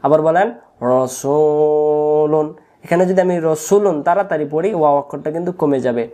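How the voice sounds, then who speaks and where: A man with a Bangladeshi Bengali accent teaching Quran recitation, slowly repeating each letter sound for learners to copy. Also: a little high, warm tone. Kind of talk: tajweed lesson.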